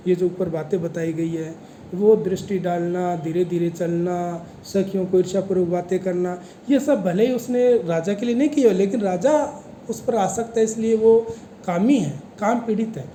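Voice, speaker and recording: A man lecturing on a Sanskrit verse, slowly reciting each phrase and then explaining it at length with pauses and fillers. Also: sits high, dark tone. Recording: roomy echo with faint noise.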